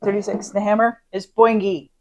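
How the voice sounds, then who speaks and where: A woman co-hosting a casual commentary podcast, chatty, laughing often and repeating lines deadpan for a joke. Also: medium pitch, moderate pace. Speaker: podcast co-host.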